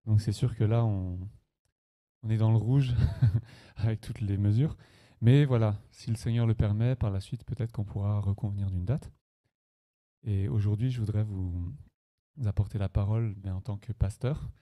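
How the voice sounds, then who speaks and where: A man's voice: on the low side, fairly even intonation, normal speed, long pauses. A man from France, a pastor, telling his personal testimony to a congregation in a conversational, storytelling way. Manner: conversational, warm personal storytelling with light laughs. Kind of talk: sermon testimony. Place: church hall.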